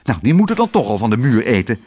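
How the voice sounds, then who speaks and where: A man reading a storybook aloud and voicing a bossy woman who owns a hotel, scornful and shrill. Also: sing-song, fast talker, darkish tone, husky. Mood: agitated.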